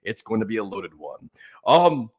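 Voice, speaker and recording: A young man hosting a casual sports podcast, chatty and loose, filling pauses with hums and fillers. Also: on the low side, big pitch swings, slightly rough. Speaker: podcast host.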